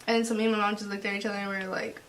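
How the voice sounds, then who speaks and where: A young woman casually chiming in with her own ghost story on a vlog, chatty and quick to add details. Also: mid-range voice, little pitch movement, a bit bright, slight background noise. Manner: quick, chatty, adds to the other speaker's stories. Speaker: vlog co-host.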